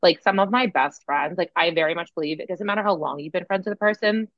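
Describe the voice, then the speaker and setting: A young woman who works as a spin instructor co-hosts a podcast, chatting casually at a quick pace in a lowish voice made scratchy from teaching. She laughs often and says "like" a lot. The sound is dull and lo-fi, without echo.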